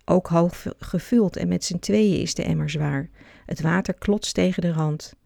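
A narrator calmly reading a children's story aloud. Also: mid-range voice, a little slow, gravelly, no room sound, clean studio sound.

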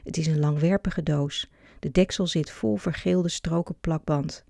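Calm gravelly storybook narrator. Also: medium pitch, unhurried, no echo, studio quality. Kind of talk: children's storybook reading.

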